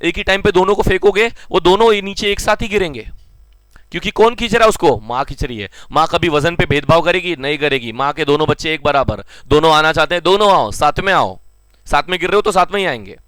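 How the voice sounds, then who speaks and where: A man's voice: on the high side, a bit bright, no room sound. A young man teaching a science lesson in a chatty Hindi-English mix, firing off questions and answering them himself. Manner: says he talks fast. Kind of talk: classroom lecture.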